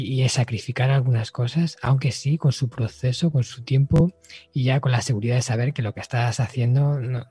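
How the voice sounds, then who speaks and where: A man, speaking as a guest in a casual interview. His voice is husky and mellow, and the recording sounds dry and close. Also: mid-range voice, no room sound. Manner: explanatory, uses everyday metaphors. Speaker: guest author on Japanese culture.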